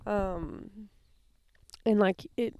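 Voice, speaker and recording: A young woman co-hosting a podcast in casual chat, laid-back and swearing freely, her voice hoarse from being sick. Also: mid-range voice, steady tone, drawn-out words, darkish tone. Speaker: podcast co-host. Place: outdoors, lying in a hammock.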